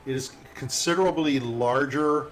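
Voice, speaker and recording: A man's voice: medium pitch, normal speed, low-quality recording. A man working as game master, narrating a tabletop game in a casual, conversational way. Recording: loud background noise, room ambience.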